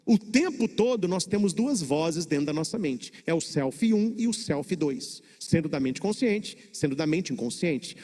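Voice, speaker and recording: Brazilian priest giving a sermon, highish voice, lots of pauses and repeats, long church echo. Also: male voice, lively intonation, dark tone, a little hiss or hum. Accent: Brazilian Portuguese. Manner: preaching with dramatic pauses and repetition.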